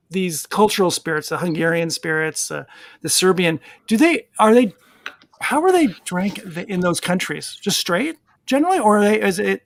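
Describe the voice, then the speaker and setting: A man's voice: high-pitched, dry recording, studio quality. A man hosting a casual live online chat, asking rambling questions that he corrects as he goes. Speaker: show host.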